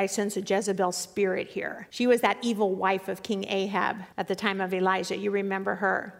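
A woman's voice: medium pitch, vocal fry. A middle-aged woman teaching a Bible study as a sermon, with dramatic readings of scripture. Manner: expressive, reads scripture in a rising dramatic voice. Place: large room with a seated audience. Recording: long hall reverb.

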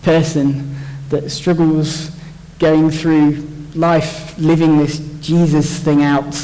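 Young guy chatting through a bible passage, kinda high voice, lots of restarts, big echoey hall. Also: flat delivery, takes it slowly, mellow. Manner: chatty, jokey, thinks aloud with restarts. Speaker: church speaker. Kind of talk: informal Bible talk. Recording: long hall reverb.

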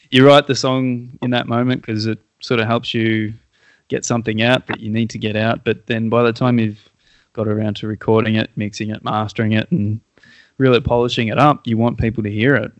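A man hosting a casual chat. He sounds relaxed and encouraging and cuts in with quick agreements. His voice sits at an ordinary middle pitch and the sound is dry and close, with no room echo. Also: dull audio. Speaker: interviewer, podcast host.

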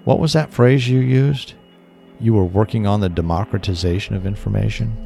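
A man playing a calm, skeptical man. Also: on the low side, normal speed, creaky, voice pushed up. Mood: curious. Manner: calm, doubtful questions. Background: music.

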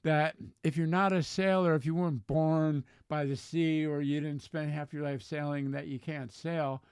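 Blunt old sailor, clear higher-pitched man's voice. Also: steady tone, moderate pace, darkish tone, no echo, clean studio sound. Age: 70s. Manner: blunt, plain-spoken old sailor with salty folksy talk. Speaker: veteran solo sailor, interview guest. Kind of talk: casual chat, storytelling.

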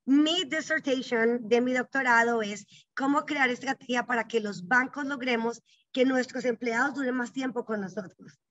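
Speaking at a moderate pace in a high, bright, crisp voice, a middle-aged psychologist and bank executive reflects earnestly on her life as an interview guest, frequently adding short tag questions. The audio is dry with no echo, somewhat dull and lo-fi.

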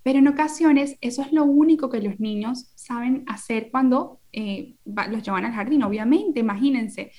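A woman in her thirties, a parenting educator and podcast guest, explaining earnestly through everyday examples. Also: high voice.

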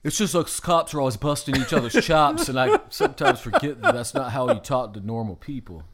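A man's voice: medium pitch, brisk, husky. Man with a hugely swooping voice, joking. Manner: deadpan joker, laughs at own jokes. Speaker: guest at the watch party. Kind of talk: casual movie watch-party chat.

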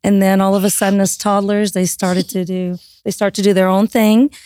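A woman's voice: mid-range voice, level tone, normal speed, warm tone, no echo. A woman speaking casually as a mother in a testimonial, in simple conversational phrases. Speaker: mother interviewee.

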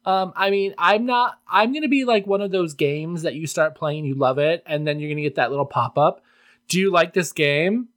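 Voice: medium pitch, brisk, few pauses, fairly bright tone. Campy podcast host just chatting away solo, tongue in cheek, mid-range voice. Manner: campy, tongue-in-cheek, addresses listeners as darlings. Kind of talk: casual solo podcast chat.

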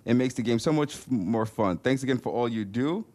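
A man co-hosting a casual show, chatting and reading aloud in a halting way with repeated words. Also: mid-range voice, dark tone. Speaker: co-host of a game developer show.

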